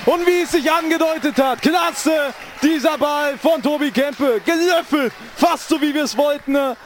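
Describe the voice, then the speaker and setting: An excited male football commentator shouts the goals in a very high pitch, openly behind the home team. Clear stadium noise surrounds his voice. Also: measured pace. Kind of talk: live goal commentary, shouted. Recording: noisy stadium ambience.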